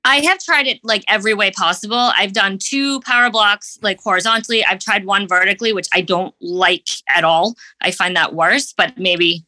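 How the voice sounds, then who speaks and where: A woman's voice: mid-range voice, fairly even intonation, moderate pace, hardly any pauses, pushed and bright, no echo. A woman from Massachusetts calling in to a show, asking a question in a hesitant way with many ums. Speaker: caller to a fitness show.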